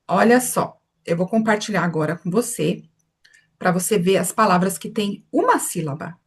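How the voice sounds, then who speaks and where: A woman teaching an online English pronunciation lesson, modeling words slowly and carefully for her students to repeat. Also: fairly low pitch, lively intonation, slightly rough.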